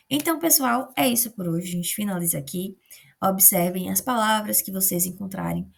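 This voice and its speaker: A woman with a Brazilian Portuguese accent teaches a remote lesson, explaining patiently step by step and often checking in with short tag questions. Her voice is medium-pitched with vocal fry.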